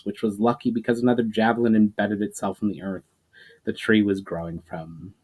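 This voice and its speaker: A man with a mid-range, darkish voice reads an adventure story aloud. His narration is dramatic, opening phrases with emphasis and letting them trail off.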